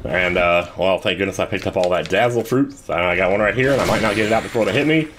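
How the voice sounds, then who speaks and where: A let's play host talks fast in a low-pitched voice over a noisy background while playing a video game. His commentary is casual and rambling, with wry, self-deprecating asides.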